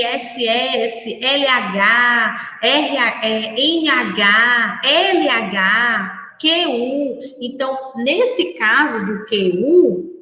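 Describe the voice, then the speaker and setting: A woman with a Brazilian Portuguese accent teaching a remote primary school class in a slow, sing-song manner, addressing the children affectionately. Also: sits high, bright, forceful tone. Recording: echoey room from far off.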